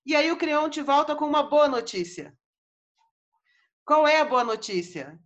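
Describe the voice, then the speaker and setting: A woman's voice: high-pitched, unhurried, lo-fi sound. A woman podcast host casually retelling a story, chatty with frequent fillers. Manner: chatty, many fillers like né and tal.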